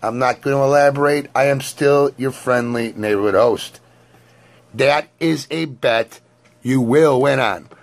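A hoarse man hosts his own lottery scratch-off show from home. He talks like a crude, wisecracking showman, wordy and full of off-color jokes, his voice sitting at an ordinary middle pitch. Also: measured pace. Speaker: host. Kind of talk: lottery ticket vlog chat.

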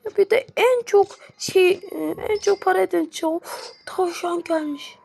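A woman giving excitable live gameplay commentary, pleading and yelling at the game. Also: extremely high pitch, a little slow, vocal fry, faint music behind. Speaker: gamer.

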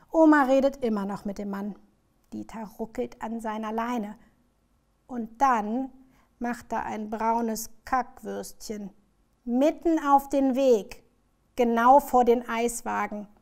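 A woman author reading her children's book aloud in a lively, expressive storyteller's manner. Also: on the high side, gravelly.

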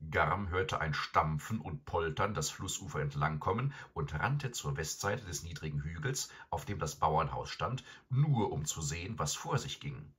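A man narrating a fairy tale audiobook in an expressive, dramatic way. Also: deep voice, normal speed, few pauses, husky. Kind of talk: scripted storybook narration.

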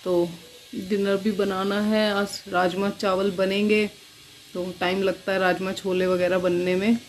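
A chatty mother vlogs from her home kitchen, talking to her phone camera in an easy, everyday way. She laughs often and slips into playful cooing when she turns to her kids. Her voice sits at a middling pitch, with a faint hiss of noise behind it. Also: flat delivery, unhurried. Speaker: vlogger and mother. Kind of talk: casual home vlog chat.

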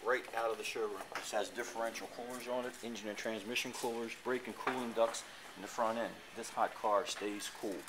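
A man with a lowish voice delivers an eager sales pitch, reeling off car figures one after another. He is recorded on a handheld camera in a showroom, with clear room noise all around him. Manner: enthusiastic, reciting specs. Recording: noisy showroom ambience.

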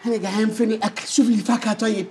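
A man's voice: high voice, steady tone, very fast, a loud crowd, close to an everyday voice. An actor with an Egyptian accent playing a spoiled, childish grown man who whines and sulks. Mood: whiny sulking. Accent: Egyptian Arabic. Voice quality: whiny, sulky. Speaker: lead actor in a comedy series. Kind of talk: sitcom acting.

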